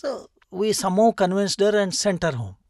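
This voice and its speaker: Interview guest, South Indian accent, mid pitch, conversational anecdote style, halting short phrases, very little room sound. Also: animated, darkish tone, no echo, clean studio sound. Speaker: interview guest, retired customs officer.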